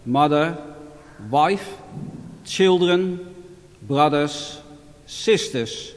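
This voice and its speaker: A male priest proclaims the gospel in a slow, measured liturgical reading. His voice sits somewhat high for a man and takes its time. Every phrase rings out and lingers in the long cathedral echo of a large church. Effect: long cathedral-like reverb. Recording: reverberant church hall recording.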